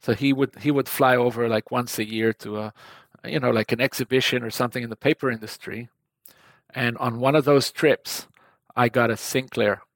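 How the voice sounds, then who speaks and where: A tech company founder from Israel in his forties chats as a guest in a casual interview, laughing often and repeating words as he restarts sentences. His voice is mid-range and the recording is dry.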